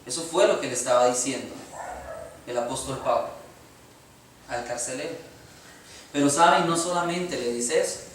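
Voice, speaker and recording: A man's voice: medium pitch, moderate pace, pauses often, a little hiss or hum. A man with a Costa Rican accent preaching a sermon as pastor, earnestly posing rhetorical questions to the congregation. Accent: Costa Rican Spanish. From Costa Rica. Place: church sanctuary. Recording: echoey church hall from far off.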